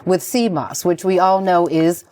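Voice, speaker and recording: A woman's voice: fairly low pitch, measured pace. Playful woman hosting a talk show. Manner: lively, playful, teasing asides. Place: TV studio.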